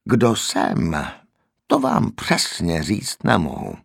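A man's voice: deep voice, wildly swooping pitch, gravelly, dry recording, clean studio sound, exaggerated voice. A man voicing a grumpy, wheezing old man with a cracked, aged voice who complains peevishly. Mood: grumbling.

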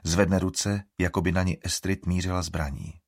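A man reading an audiobook in an expressive storytelling manner. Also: deep voice, dry recording, clean studio sound. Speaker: audiobook narrator. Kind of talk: scripted narration.

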